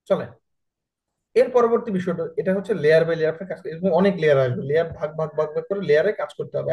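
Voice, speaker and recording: A man's voice: on the high side, a little mellow, low-quality recording. A man with a Bangladeshi Bengali accent teaching a video editing class, chatty, often checking that students follow and mixing in English words. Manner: chatty, asks students frequent check questions; mixes English words into his talk. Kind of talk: screen-share tutorial class.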